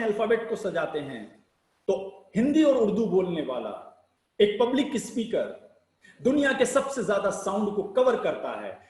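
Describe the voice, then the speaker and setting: A man teaching public speaking in a slow, deliberate lecture, asking rhetorical questions and spelling out sounds one by one. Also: high voice, darkish tone, roomy sound, rough recording. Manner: rhetorical questions, emphatic rises and sinking ends.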